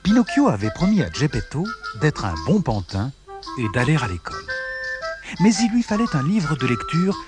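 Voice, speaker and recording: A man reading a children's storybook aloud as narrator, in an expressive, animated way. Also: fairly high pitch, moderate pace, music in the background.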